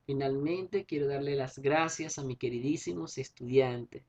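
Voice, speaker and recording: A man's voice: mid-range voice, steady tone, normal speed, a little mellow. A male teacher giving a recorded class lesson, explaining patiently, rephrasing himself and checking in with tag questions.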